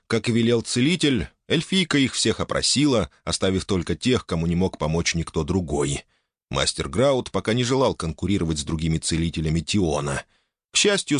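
Male audiobook narrator, low and animated, dry close mic. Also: moderate pace, no room sound. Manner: expressive storytelling.

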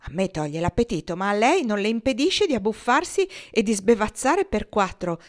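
A woman's voice: mid-range voice, big pitch swings, moderate pace, voice pushed up, natural voice. A woman reading aloud, voicing a tired, grumbling middle-aged man who complains about a difficult actress.

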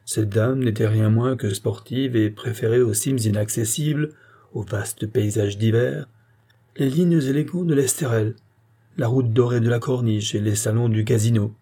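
A man reads a short story aloud in a measured, dramatic way. His voice is dark and mellow, with a husky edge. The telling is scripted and steady. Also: medium pitch. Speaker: story reader.

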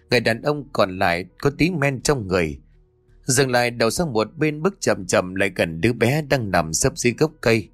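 Low-voiced man telling a ghost story. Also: dry recording. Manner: dramatic storyteller, voices every character. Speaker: narrator. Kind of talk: scripted horror story narration.

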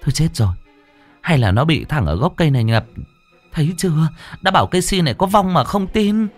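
A man's voice: on the high side, expressive, faint music behind, pitched above the performer's own voice. A man voicing a gossipy, superstitious longtime neighbor telling eerie stories. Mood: anxious. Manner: rapid, gossiping.

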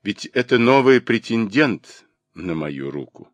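A man voicing a proud, mocking young woman of the gentry, with quick, sharp, teasing delivery. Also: lowish voice, very animated, dry recording.

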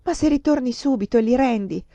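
A woman reading aloud, voicing a ruined, desperate man who shouts bitter accusations. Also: high voice, fairly quick, dry recording, voice pushed up. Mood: despairing. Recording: dull lo-fi dry recording.

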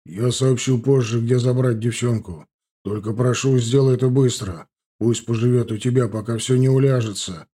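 A man voicing a blunt, swearing gangster who talks loudly and roughly. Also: mid-range voice, normal speed, natural voice. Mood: grim. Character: coarse tough male gangster, blunt and loud.

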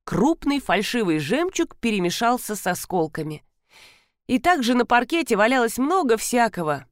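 A woman narrating an audiobook story in an expressive storytelling manner. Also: a little high, normal speed, dry recording, studio quality. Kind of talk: scripted narration.

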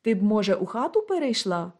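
A woman's voice: mid-range voice, sing-song, a little fast, darkish tone. A woman voicing a stern household mistress who questions a servant curtly, in a storybook reading. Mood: questioning.

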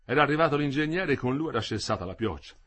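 A man narrating a novel as an audiobook, in an expressive, dramatic reading. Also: medium pitch, fast talker, husky. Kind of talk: scripted narration.

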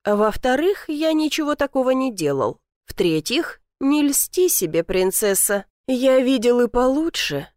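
A woman voicing a dry-witted police officer in his thirties in an audiobook, calm, mocking and unbothered. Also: high-pitched, unhurried, few pauses, dry recording, voice pushed up. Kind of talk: audiobook character voice.

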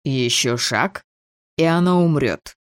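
A cold, domineering man, as a reader puts him on issues slow commands in a storybook reading, set a little lower than the narration and held back. The voice is dry and close. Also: no room sound, lightly acted. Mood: commanding. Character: cold, domineering older man, ruthless father. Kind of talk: audiobook character voicing.

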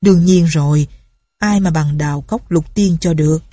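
A woman's voice: low-pitched, normal speed, dark tone, no echo. A woman voicing a young male swordsman in an audiobook, courteous and urgent when he warns. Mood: wry, resolute. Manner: urgent, raised and tense when warning.

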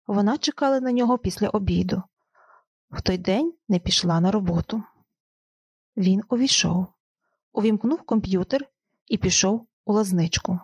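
A woman reading a literary audiobook in a calm, measured storytelling voice. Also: mid-range voice, slightly rough, no room sound. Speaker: audiobook reader.

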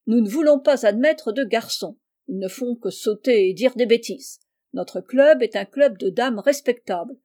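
A woman's voice: fairly high pitch, expressive, moderate pace, a little mellow, natural voice. Woman reading as a prim proper girl.

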